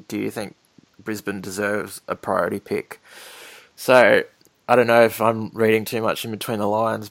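A man's voice: lowish voice, creaky, dry recording. An Australian man hosting a casual sports discussion. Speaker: sports podcast host.

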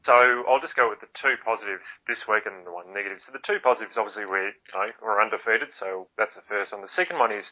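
A man with an Australian accent talks sport as a panellist in a low voice, feeling his way through long explanations. He sounds like he is on a thin phone line. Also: quick pace, hardly any pauses. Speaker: podcast panellist. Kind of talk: sports discussion.

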